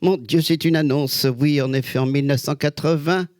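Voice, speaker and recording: An older man, a guest, telling lively anecdotes with exclamations and quick voice changes. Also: a little high, dry recording, clean studio sound. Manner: expressive storyteller, many voices and exclamations. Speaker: guest, celebrity lookalike. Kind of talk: animated anecdotal chat.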